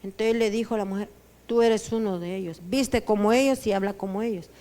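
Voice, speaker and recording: A woman pastor with a Honduran Spanish accent, preaching a sermon that swings between soft asides and loud declarations. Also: mid-range voice, brisk. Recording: church hall with long reverb.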